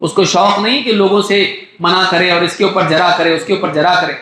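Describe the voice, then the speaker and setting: A man with a high, bright, forceful voice gives a religious lecture. He reads Arabic passages and then explains them, driving points home by repeating key phrases. The sound rings out in a very echoey room. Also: fairly even intonation. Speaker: Islamic scholar giving a lecture.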